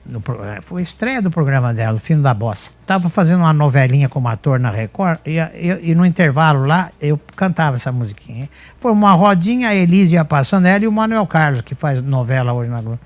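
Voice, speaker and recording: A man's voice: a little high, fast talker. An older man with a São Paulo countryside accent, a humorist guest telling anecdotes and acting out the dialogue. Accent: São Paulo countryside (caipira). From Brazil. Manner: lively storyteller acting out dialogue. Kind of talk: anecdotal storytelling.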